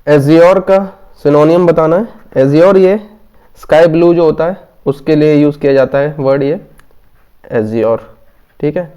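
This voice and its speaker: A man's voice: fairly high pitch, warm tone, smooth, muffled recording. A man going through exam questions in a Hindi-lesson, explaining each answer and checking in often. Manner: explanatory, frequent "theek hai" check-ins, reads questions slowly. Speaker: exam prep teacher.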